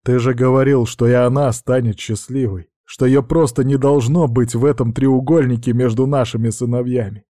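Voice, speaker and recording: A man's voice: mid-range voice, fairly even intonation, moderate pace, few pauses, dark tone, no echo, clean studio sound, close to an everyday voice. A man voicing a hot-tempered lord of the djinn who speaks in desperate, pleading outbursts. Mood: anguished.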